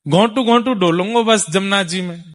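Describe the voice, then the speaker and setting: A man's voice: high voice, normal speed, natural voice. A man with a Braj accent voicing a playful, mischievous little boy who coaxes and pleads with his father. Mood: sulking. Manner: coaxing, pleading, teasing.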